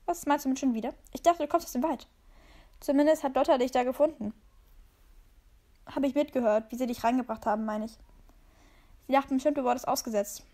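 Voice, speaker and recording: A woman voicing a calm, placid male house dog in a storybook reading. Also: high voice, brisk, long pauses.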